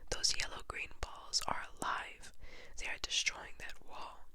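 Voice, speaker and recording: A woman's voice: measured pace, lightly acted. A woman whispering the lines of a schoolboy putting on a news reporter voice, in whispered role-play. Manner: mock news-reporter delivery.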